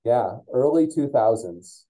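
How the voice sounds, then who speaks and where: A hollow, tunnel-like call recording carries the voice of an American man. He hosts a podcast casually, with a friendly and effusive conversational manner. His pitch sits in the middle of the male range. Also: animated, slow pace, dark tone, low-quality recording. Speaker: podcast host. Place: remote video call.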